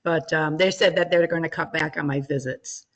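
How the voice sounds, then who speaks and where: A woman's voice: low voice, fairly even intonation, normal speed. A woman in a support group chatting over a video call, matter-of-fact and often laughing. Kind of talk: casual chat.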